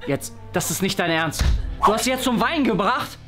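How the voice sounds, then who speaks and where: A man playing a caring father in a family role-play drama who gently coaxes his daughter and firmly protects her. His voice moves lively up and down, with faint music beneath. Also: high voice, a little fast. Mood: protective. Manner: gentle, then insistent.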